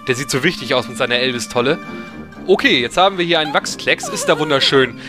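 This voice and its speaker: A man's voice: medium pitch, animated, quick pace, over music. A man giving casual, chatty gameplay commentary in a playful, ironic way. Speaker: let's player.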